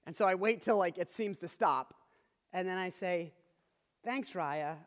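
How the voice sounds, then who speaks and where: A man's voice: sits high, normal speed. A man in his thirties preaching a sermon, telling a family story in an earnest, conversational way with frequent restarts. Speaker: pastor. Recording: long hall reverb.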